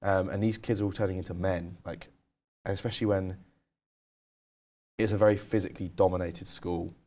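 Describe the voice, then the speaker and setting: A young man with a low, dark voice speaks at a moderate pace and a steady tone while co-hosting a podcast. He swaps candid stories in relaxed chat, using "like" frequently.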